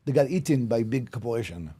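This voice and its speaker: An expressive, fast-talking man with a medium-pitched, mellow and husky voice bluntly tells his real estate story. Now in his fifties and originally from Israel, he's a commercial real estate broker appearing as a podcast guest. He often checks in with "okay?" in this casual interview, captured on a studio mic.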